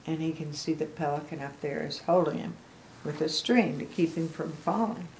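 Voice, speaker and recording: An older woman with a low, slightly mellow voice reads a picture book to little ones at normal speed, explaining the illustrations and speaking to the listener. The recording is rough, with a little hiss or hum.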